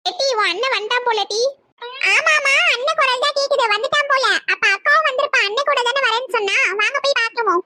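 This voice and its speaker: A chatty cartoon housewife who organizes dinner and greets visiting family, as a woman voices her. Her voice is very high and bright, and she talks fast. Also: slight background noise. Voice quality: chatty, practical. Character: busy mother of the house, practical and talkative. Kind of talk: cartoon voice acting.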